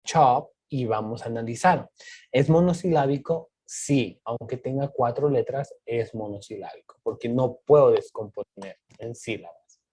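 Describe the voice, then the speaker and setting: A man's voice: mid-range voice, measured pace, dark tone, husky. A male teacher patiently explaining grammar rules step by step, asking and answering his own questions. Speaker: English teacher.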